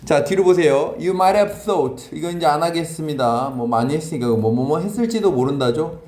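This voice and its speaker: 높은 목소리로 퀴즈 내듯 설명하는 남자 영어 강사. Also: male voice, a little high, expressive, a little mellow, echoey room, a little hiss or hum. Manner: brisk, quizzing students, switches between Korean and English. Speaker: English teacher. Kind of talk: classroom grammar lesson. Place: classroom.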